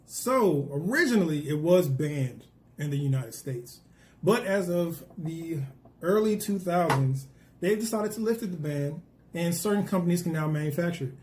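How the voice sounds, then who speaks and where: A man co-hosting a casual food talk, going through facts in a relaxed, joking way. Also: on the high side, moderate pace. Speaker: co-host.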